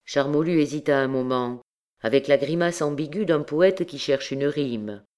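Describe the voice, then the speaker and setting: A woman reading a classic novel aloud as an audiobook, in a measured, solemn way. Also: deep voice, darkish tone. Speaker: audiobook narrator. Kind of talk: scripted literary narration.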